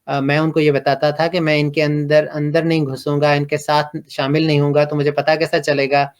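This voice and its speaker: A middle-aged man from Pakistan, telling his personal story slowly and hesitantly, with many pauses and fillers. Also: a little high, completely flat delivery. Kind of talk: reflective personal testimony.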